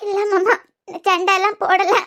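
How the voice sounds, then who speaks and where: A woman voicing a tearful young wife in a cartoon series, pleading softly with a Kanyakumari accent. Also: extremely high pitch, flat delivery, brisk. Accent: Kanyakumari Tamil. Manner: pleading, sniffling. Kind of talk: cartoon web series voice acting.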